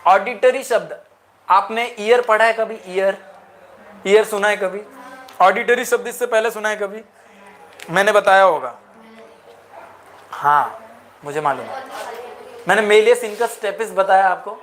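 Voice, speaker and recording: A man's voice: high voice, a little slow, long pauses, fairly bright tone, a little hiss or hum. Male teacher quizzing his class. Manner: asks the class repeated questions; mixes in English phrases. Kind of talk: classroom lecture.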